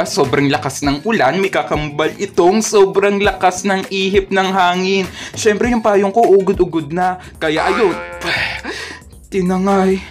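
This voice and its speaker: A man with a Filipino accent telling embarrassing stories in a playful, self-mocking narration for his cartoon. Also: fairly high pitch. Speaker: animator and narrator. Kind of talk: comedic storytelling narration. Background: soft music.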